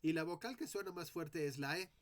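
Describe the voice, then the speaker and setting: A man teaching a lesson on poetic meter, speaking deliberately and sounding out syllables one by one as he explains. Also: on the high side, animated. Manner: addresses students directly.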